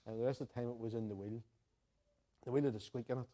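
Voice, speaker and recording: Ulster guy from northern ireland giving a sermon, mellow relaxed voice, chatty but earnest. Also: mid-range voice, quick pace. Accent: Northern Irish, Ulster. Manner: earnest, conversational, repeats phrases for emphasis. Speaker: preacher. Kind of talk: sermon to a congregation, with homely anecdotes and prayer.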